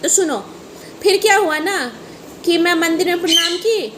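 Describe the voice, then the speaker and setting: A woman's voice: very high-pitched, animated, measured pace. A woman telling a playful, teasing story to her pet parrots, sing-song and repetitive. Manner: sing-song, teasing, repeats phrases, laughs while talking. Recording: noisy home recording.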